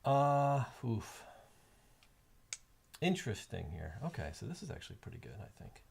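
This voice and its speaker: A man's voice: mid-range voice, sing-song, moderate pace, creaky, a little mellow, breathy edge. Man thinking aloud over a board game. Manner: thinks aloud, rambling with fillers. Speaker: board game stream co-host. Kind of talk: casual chat while playing a board game. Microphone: streaming mic.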